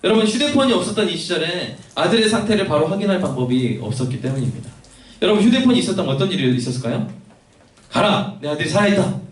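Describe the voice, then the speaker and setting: A male pastor preaching a sermon in a lively way, acting out little conversations for his congregation. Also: high voice, rapid-fire. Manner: animated, acts out dialogue. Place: church sanctuary. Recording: echoey church hall, mic at a distance, faint noise.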